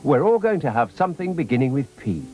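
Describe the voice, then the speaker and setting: A man's voice: fairly high pitch, big pitch swings, fast, phone-quality sound, soft background music, pitched above the performer's own voice. A man voicing a kindly, cheerful mother in a children's story.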